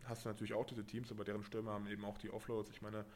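A young man from Berlin hosts a relaxed podcast conversation. His voice sits fairly low, and he talks casually, restarting sentences and filling pauses as he goes. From Berlin, Germany. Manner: relaxed, chatty, many fillers and restarts. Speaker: podcast host and rugby player.

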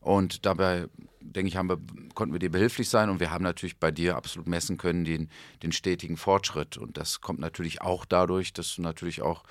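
A man's voice: low-pitched, steady tone, quick pace, dry recording. A man co-hosting a podcast, talking about the guest's training progress in a rambling, casual way. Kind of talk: casual chat.

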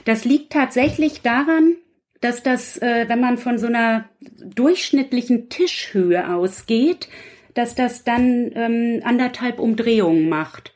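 In a casual chat, a woman who writes quizzes and books talks as a guest, poking fun at herself in a talkative way. She speaks slowly, with a slightly high voice and a darkish tone.

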